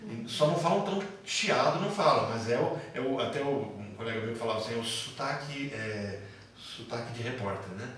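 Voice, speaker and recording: A man's voice: mid-range voice, animated, a little fast, a bit bright, slight background noise. A man from the interior of São Paulo with a light Brazilian accent, lecturing a class in a conversational way, repeating himself and telling anecdotes. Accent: light São Paulo interior Brazilian Portuguese. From interior of São Paulo state, Brazil. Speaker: psychoanalysis teacher. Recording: echoey classroom from far off.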